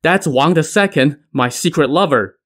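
A man voicing a terrified young woman in an audio story, pleading in a strained, raised pitch. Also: normal speed, fairly bright tone. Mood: frightened.

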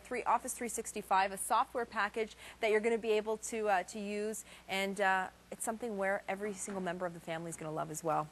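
A woman in her thirties giving a chatty, emphatic home shopping host sales pitch in a television studio. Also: a little hiss or hum.

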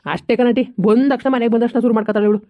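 A woman's voice: fairly high pitch, steady tone, racing, dry recording, close to an everyday voice. A woman playing a jobless village husband in a comedy skit, grumbling and defensive. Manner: defensive, complaining. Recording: dry, dull lo-fi sound.

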